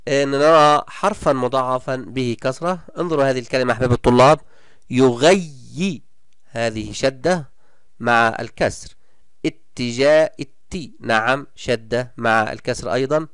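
Smooth-voiced man teaching children. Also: mid-range voice, a bit bright, no room sound, studio quality. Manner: encouraging, praises pupils often; stretches out example words slowly. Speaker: primary school teacher. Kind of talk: recorded online lesson.

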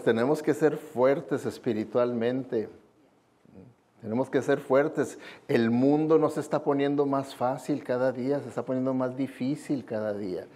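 A man's voice: mid-range voice, a little mellow. A man preaching a sermon as pastor, emphatic, who keeps asking the congregation questions and adding a questioning "mm?". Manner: often adds a questioning "¿mm?".

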